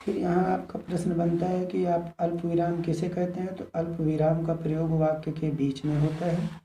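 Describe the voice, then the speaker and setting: A man's voice: on the high side, level tone, moderate pace, warm tone, distant mic. A male teacher giving a grammar lesson to a class, patiently explaining each slide and speaking directly to his pupils. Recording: echoey room, voice away from the mic.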